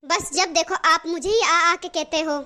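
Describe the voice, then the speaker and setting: Lady doing a fed-up cartoon bahu arguing back, high squeaky voice. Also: fairly even intonation, normal speed, sharp tone. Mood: defiant. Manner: argumentative, complaining back. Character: overworked defiant young younger daughter-in-law.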